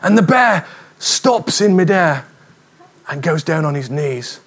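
Lively preacher telling stories. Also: male voice, fairly high pitch, takes it slowly, husky. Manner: lively, humorous, conversational. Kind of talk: sermon with storytelling.

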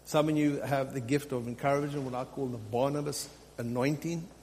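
Brisk and a little mellow, a man's mid-range voice keeps a fairly even intonation as he preaches. In this extemporaneous teaching he urges his congregation on, repeating phrases to stress them. Hall reverb, faint hum, and some noise come from the large live space.

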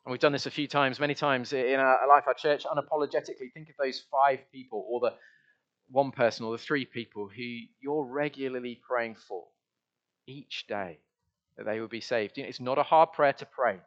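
A man's voice: medium pitch, fairly even intonation, brisk, a bit bright, highs cut off. A man preaching a conversational, earnest sermon to his church. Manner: earnest, conversational, with many restarts. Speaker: pastor.

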